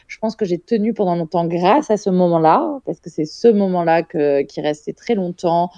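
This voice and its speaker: A woman's voice: on the low side, moderate pace, warm tone, no echo, lo-fi sound. A woman in her thirties, a podcast guest telling a story in a frank, casual way, swearing now and then and using plenty of fillers.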